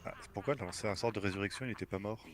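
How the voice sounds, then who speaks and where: A man's voice: fairly low pitch, racing. A man co-playing a video game, throwing in casual asides and comments. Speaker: co-player.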